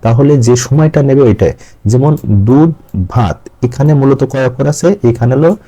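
Mellow-voiced man teaching a lesson. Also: mid-range voice. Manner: explanatory, repeats key terms, breaks words into syllables slowly. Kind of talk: online exam-prep lesson.

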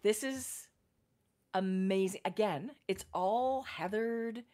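A middle-aged woman chatting casually as a knitting podcast co-host, explaining her projects in detail with pauses and fillers. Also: medium pitch, warm tone. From Canada. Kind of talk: casual chat.

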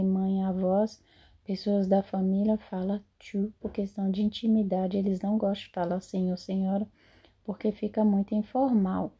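A woman teaching French in a slow lesson, repeating model sentences carefully. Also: medium pitch, mellow, husky. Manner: repeats phrases slowly and carefully. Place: lives in Europe.

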